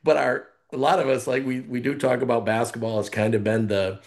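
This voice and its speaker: A middle-aged man in a casual podcast conversation, an animated storyteller who acts out the voices he quotes. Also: mid-range voice, fairly quick. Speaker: college athletic conference leader.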